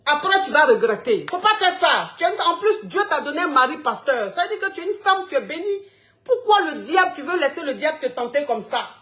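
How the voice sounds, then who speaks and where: A woman hosting a live call-in advice show, exclamatory and lively, scolding callers to speak up. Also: high voice, fairly quick. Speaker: radio call-in advice host.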